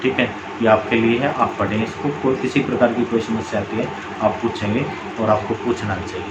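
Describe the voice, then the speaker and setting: A man with an Indian accent teaching English pronunciation in Hindi, explaining step by step and repeating words slowly. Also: on the low side, fairly even intonation, dull audio. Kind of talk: classroom-style video lesson. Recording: echoey room with faint background noise.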